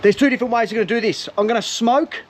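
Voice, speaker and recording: A man's voice: very high-pitched, rapid-fire, slight background noise. An Australian man hosting a fishing and cooking vlog, chatting casually and upbeat to his viewers. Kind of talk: casual outdoor vlog commentary.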